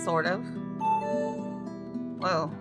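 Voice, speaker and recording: A female game streamer reads visual novel text aloud with dramatic flair and playful outbursts. Her fairly low voice has a level tone and she draws out her words. Game music with guitar plays in the background.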